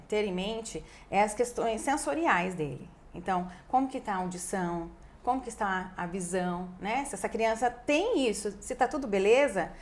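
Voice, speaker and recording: A woman with a Brazilian Portuguese accent, a speech therapist guest, explaining in a lively, chatty way and often tagging her sentences with a quick question. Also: mid-range voice. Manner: lively, acts out parents' voices, frequent "né". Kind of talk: casual explanatory conversation.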